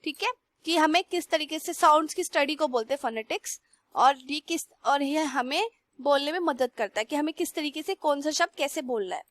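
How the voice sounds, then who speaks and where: A young woman teacher slowly reads textbook lines aloud and then explains them in Hindi. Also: high voice, a bit bright, dry recording. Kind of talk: classroom lesson.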